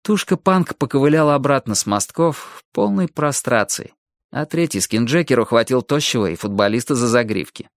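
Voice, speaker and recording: A man reading an audiobook aloud with lively, animated expression. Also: medium pitch, normal speed, dry recording, studio quality. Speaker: audiobook narrator.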